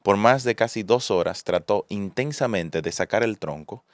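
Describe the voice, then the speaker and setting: Steady low-voiced podcast host. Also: male voice, moderate pace, no echo, studio quality. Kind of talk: storytelling and podcast sign-off.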